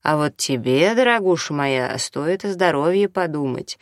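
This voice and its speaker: A man's voice: fairly high pitch, expressive, moderate pace, no echo, clean studio sound. A man doing a brash, bossy drinking doctor. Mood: offhand. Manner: jokey, bossy, offhand. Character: brash, hard-drinking male doctor, middle-aged. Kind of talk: audiobook character reading.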